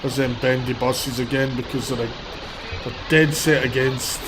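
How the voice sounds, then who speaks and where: Speaking in a mid-range voice with a steady tone and measured pace, a male livestreamer gives blunt, rambling commentary via handheld phone on a city street. A cold has him sniffling a bit, and loud vehicle traffic runs in the background.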